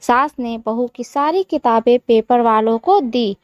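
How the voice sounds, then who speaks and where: A woman storyteller reading a scripted moral story at an even pace. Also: fairly high pitch, measured pace, no room sound, dull audio.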